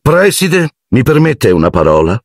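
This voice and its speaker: A cold, sneering teacher questions the boys with barely hidden suspicion, as a male reader puts him on. The voice sits raised and husky, close and dry. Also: medium pitch, very animated, normal speed, dry recording, voice pushed up.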